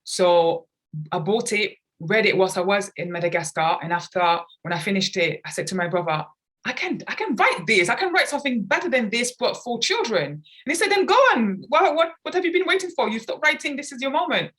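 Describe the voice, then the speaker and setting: A mid-range, very animated and slightly bright voice, a little fast, belongs to a woman who grew up in London, England. Guesting in a conversational podcast interview as a children's author and artist, she speaks earnestly and reflectively, at length, about personal experience.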